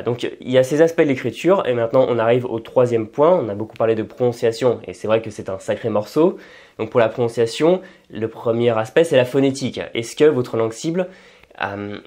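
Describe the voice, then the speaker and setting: A French-speaking man hosts a language-learning channel, giving informal explanations and thinking aloud with many hesitations and restarts. His voice is mid-range, brisk, and darkish in tone.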